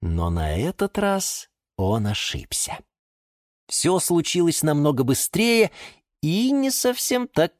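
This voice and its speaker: A woman narrating a children's story in an expressive, theatrical way. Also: deep voice, no echo, clean studio sound.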